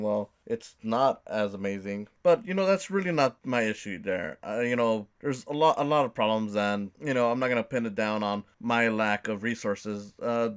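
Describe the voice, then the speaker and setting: A man's voice: lowish voice, fairly bright tone, smooth. A young man talking in a casual personal monologue, rambling and hesitant, with many fillers and restarts. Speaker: video creator.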